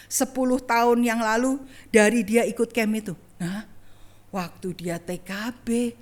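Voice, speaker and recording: A middle-aged woman evangelist, telling a personal story in a sermon and talking straight to the congregation. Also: a little high. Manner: conversational, addresses congregation directly. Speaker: evangelist preacher. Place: church online service.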